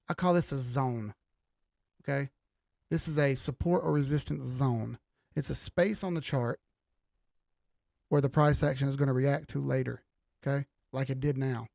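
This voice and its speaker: Hoarse from a cold, a man hosts a casual livestream lesson on reading price charts, chatting away and often checking in with "okay?". His voice is a little high with a darkish tone, recorded dry and clean in a studio.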